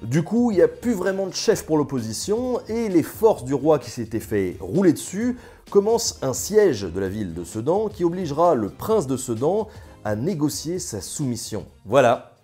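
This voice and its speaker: Guy doing a jokey history video, sarcastic asides, warm low-key tone, soft music behind. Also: big pitch swings, moderate pace, slightly rough. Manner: ironic, jokey, colloquial storytelling. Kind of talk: scripted casual narration.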